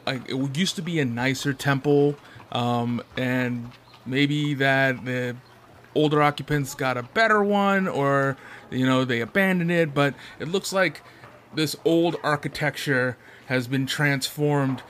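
A man runs a tabletop game, narrating scenes off the cuff. His voice is of average pitch and casual, with clear noise behind it. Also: a little slow, fairly bright tone. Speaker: game master.

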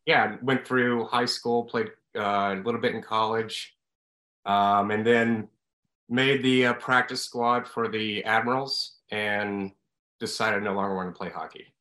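A man's voice: fairly low pitch, steady tone, a little slow, bright, forceful tone. A man chatting casually and conversationally as a guest on a talk show. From upstate New York. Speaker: guest, former hockey player. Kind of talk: casual chat. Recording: echoey, roomy sound.

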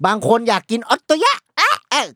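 A young man hosting a comedy podcast, rambling fast from one joke to the next. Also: sharp tone, dry recording. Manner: fast, jokey, jumps between topics. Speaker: podcast host.

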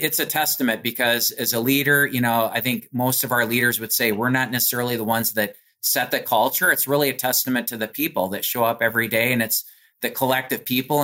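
Speaking forcefully in a bright, medium-pitched voice, this American man plays a company executive being interviewed. He explains matters in a conversational yet polished corporate style, peppering his answer with "you know."

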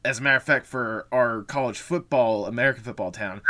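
Fast-talking laid-back male podcast host. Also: medium pitch, sharp tone. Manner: laid-back, rambling, quick to reassure. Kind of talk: casual chat. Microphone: video call.

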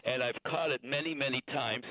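A man's voice: mid-range voice, fairly quick, dry recording. A man in his eighties calling in to a radio show over the phone, rambling and chuckling as he talks. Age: 80s. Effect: caller heard over a phone line. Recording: tinny phone line, dry.

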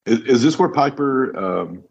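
Husky, creaky low-voiced man chatting. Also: expressive, a little slow. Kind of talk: casual chat. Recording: dull lo-fi mic.

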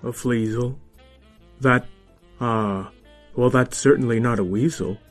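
A man voicing a big stern male rhinoceros security guard who talks in a gruff, officious way. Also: medium pitch, soft background music. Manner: gruff and officious, slow and firm.

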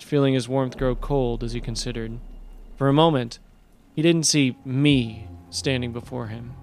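A man narrating a dramatic fantasy story in a measured storytelling manner, over music. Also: mid-range voice.

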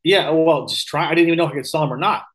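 Speaking very quickly in a voice on the high side, a fifty-something podcast guest from Missouri, United States, shares casual anecdotes with an American accent. He's a real estate investor who rambles and keeps correcting himself.

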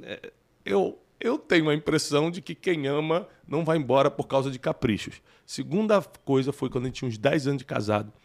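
A man's voice: a little high, a little fast, vocal fry, a little mellow. A man, a podcast host candidly telling personal stories in casual conversation and laughing at himself.

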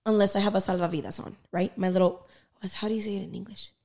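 A woman's voice: mid-range voice, fairly even intonation, quick pace, warm tone. Lady podcaster chatting casually, swears a lot, hops between english and mid sentence. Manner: switches between Spanish and English midsentence; swears freely. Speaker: podcast co-host. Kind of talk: casual chat, storytelling.

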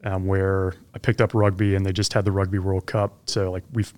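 A man in his forties, a podcast guest who grew up overseas, telling his life story in a relaxed, conversational way that turns animated when he gets excited. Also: low-pitched, a little fast. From grew up abroad (Belgium, Zimbabwe, Pakistan), then Florida. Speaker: podcast guest, former Army helicopter pilot. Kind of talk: casual interview storytelling.

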